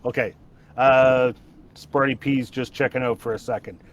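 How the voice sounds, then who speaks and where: A man's voice: medium pitch, fairly even intonation, normal speed. A man hosting a casual livestream chat, rambling with restarts and laughter. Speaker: livestream host.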